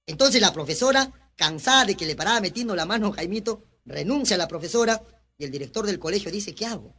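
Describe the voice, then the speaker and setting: A male comedian tells a joke live with a Peruvian accent and plenty of slang. His voice is bright and very lively. He talks like an animated storyteller on stage. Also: sits high, fast, husky. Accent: Peruvian Spanish. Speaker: stand-up comedian.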